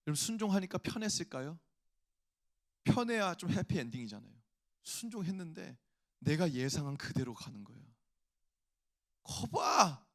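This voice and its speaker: High-voiced male pastor preaching. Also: very animated, brisk, gravelly. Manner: storytelling, acts out inner voices, rises to emphatic appeals. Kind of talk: sermon.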